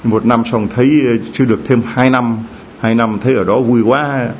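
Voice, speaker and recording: Storytelling priest in a dull recording. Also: male voice, moderate pace, a little hiss or hum. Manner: storytelling, lively, addresses congregation directly with questions. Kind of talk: sermon. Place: church. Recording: dull low-fi sound with faint ambience.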